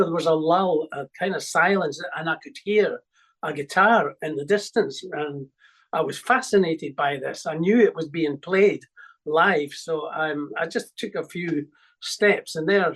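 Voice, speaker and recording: Older Scottish man, halting storyteller. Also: a little high, a bit bright, low-quality recording. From Scotland. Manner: hesitant, full of ums and restarts. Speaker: musician guest. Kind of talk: reminiscing interview.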